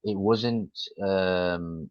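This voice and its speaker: Over a dry, dull-sounding video call, a young Mancunian English tutor chats in an easygoing way. His voice sits very low and he takes his time, filling gaps with fillers and often starting sentences over.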